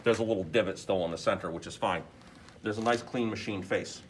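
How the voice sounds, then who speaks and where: A man's voice: lowish voice, brisk. A man instructing like an experienced machinist, patiently explaining a hands-on demonstration step by step. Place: workshop beside a lathe. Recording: clear shop background noise.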